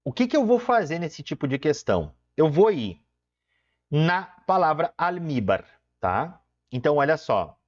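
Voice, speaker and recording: Male teacher, fairly high and animated delivery, walks through each point and keeps checking in with the viewer. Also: a little slow. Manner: explains step by step, constantly checks in with the viewer. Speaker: Spanish teacher. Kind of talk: exam-prep lesson. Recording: dull lo-fi sound.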